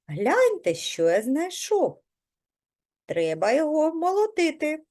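A diligent, patient rooster from a children's folk tale calls to his friends, as a woman puts him on. The voice sits fairly high and swoops in lively storybook fashion, and it takes its time. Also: slow pace, full character voice. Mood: earnest. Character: hardworking patient male rooster.

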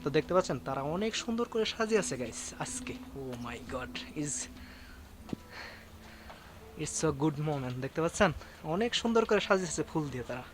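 Young bangladeshi guy vlogging outside, fairly high voice, lots of noise around, keeps saying guys. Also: sing-song, quick pace. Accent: Bangladeshi Bengali. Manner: chatty, repetitive, keeps addressing viewers as guys. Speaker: travel vlogger. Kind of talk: casual travel vlog narration. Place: outdoors on a hilltop site, in the rain. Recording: noisy outdoor phone recording.

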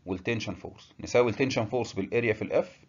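A man with an Egyptian Arabic accent delivers a structural engineering lesson at a rapid clip, his voice sitting a little low. He works through each step with short filler pauses and English technical words. The recording sounds somewhat dull and lo-fi. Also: slightly rough. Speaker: engineering lecturer. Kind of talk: technical lecture.

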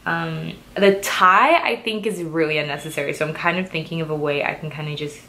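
Brisk, low-pitched, and pushed and bright, this woman in her twenties is a fashion vlogger talking casually through a try-on haul. A cold leaves her a little stuffy, and "like" and "um" keep cropping up.

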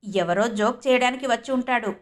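A woman's voice: on the high side, a little fast, natural voice. A woman voicing an arrogant, dismissive male general manager.

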